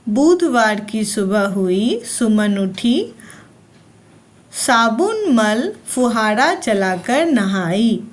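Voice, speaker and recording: A woman's voice: a little high, very animated, drawn-out words. A woman teacher reading a lesson aloud to young children, repeating each line and asking then answering her own questions.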